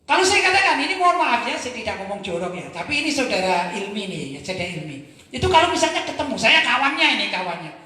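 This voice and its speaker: A man's voice: very high voice, big pitch swings, quick pace, sharp tone. A man, an Islamic cleric giving a conversational religious question-and-answer lecture, often checking in with his listeners through rhetorical questions. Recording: echoey hall with long reverb.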